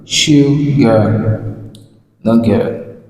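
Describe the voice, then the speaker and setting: A man with a West African French accent teaching English vocabulary, repeating each word slowly and carefully. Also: medium pitch, a little mellow. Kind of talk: slow vocabulary lesson. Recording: very echoey room with long reverb.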